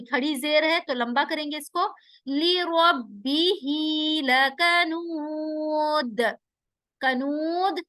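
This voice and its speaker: Woman, recitation teacher, high clear voice, slow unhurried delivery, melodic verse chanting, quizzes students. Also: pushed and bright, no room sound, clean studio sound. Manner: switches between drawn-out melodic recitation and quick explanation; quizzes students and affirms answers. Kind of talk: tajweed lesson, explaining rules and reciting verses.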